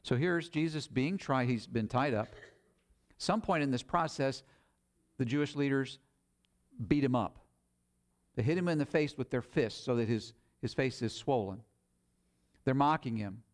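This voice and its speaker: A man's voice: mid-range voice, a little slow, long pauses. A man preaching a sermon, retelling scripture in plain, conversational paraphrase.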